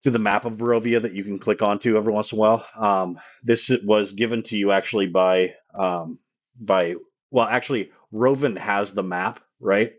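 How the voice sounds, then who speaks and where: A man running a live-streamed tabletop game as game master, rambling and halting with many fillers. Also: fairly low pitch, steady tone, highs cut off.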